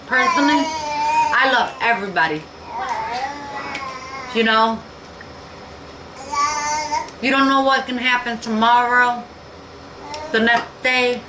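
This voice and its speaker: Tearful woman in an echoey room. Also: on the high side. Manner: halting, tearful, repeating herself. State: near tears. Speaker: vlogger. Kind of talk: emotional personal vlog. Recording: echoey room with faint noise.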